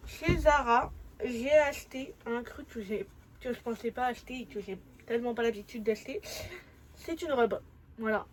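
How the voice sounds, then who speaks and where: A woman's voice: on the high side, normal speed, slight background noise, low-quality recording. A young woman chatting casually in a travel vlog, full of fillers and self-corrections. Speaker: vlogger.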